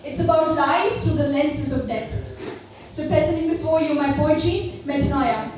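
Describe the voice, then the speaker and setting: A teenage girl with a high voice performs spoken-word poetry in an earnest, dramatic way. Her phrasing is deliberate. She is heard from a distance in a heavily echoing room, with faint noise. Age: teenager, seventeen. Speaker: amateur poet at a first open mic. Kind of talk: spoken-word poetry recital with personal introduction. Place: live open mic venue, recorded from a distance.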